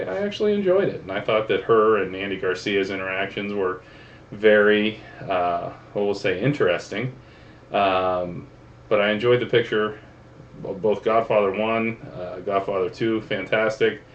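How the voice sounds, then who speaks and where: A man with a very low voice chats casually in a folksy, rambling vlog, filling his pauses with "uh." The sound is dull and lo-fi, with a faint hum underneath. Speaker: movie vlogger. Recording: dull, lo-fi webcam audio with faint background hum.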